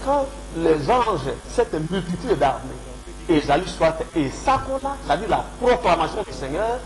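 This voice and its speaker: Preaching at an easy pace on a radio call-in broadcast, a man who pastors speaks through a studio mic with headphones despite having a cold. His voice is high, he quotes from scripture, and he moves between French and Lingala, with background noise audible.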